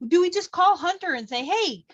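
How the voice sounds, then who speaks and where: A woman's voice: high voice, moderate pace, fairly bright tone. A woman hosting an online meeting over a video call, friendly and chatty with light jokes. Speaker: meeting host. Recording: dull, dry video call audio.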